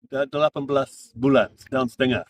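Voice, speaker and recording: A middle-aged man, an English speaker, speaks Indonesian as a foreigner in a casual interview, halting as he searches for words. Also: medium pitch, steady tone. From Australia. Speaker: interview guest, former diplomat and interpreter. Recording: distant mic amid clear crowd chatter.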